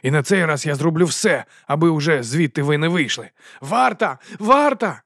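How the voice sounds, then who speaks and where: A man's voice: animated, fast talker, dry recording, studio quality. A man voicing a panicking, power-mad male palace secretary who rants shrilly. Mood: shrieking. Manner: shrill, ranting, triumphant.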